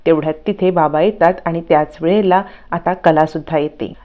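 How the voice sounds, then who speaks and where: A woman narrating a recap of a TV serial episode in a steady storytelling read, quoting each character herself. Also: sits low, brisk. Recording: dull lo-fi recording.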